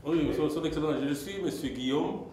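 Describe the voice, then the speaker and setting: A man's voice: on the high side, normal speed, a little mellow. Earnest man asking from an echoey hall floor. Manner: earnest, storytelling, rising with emphasis. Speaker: audience member asking a question. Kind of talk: long question from the floor. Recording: very echoey hall with faint noise.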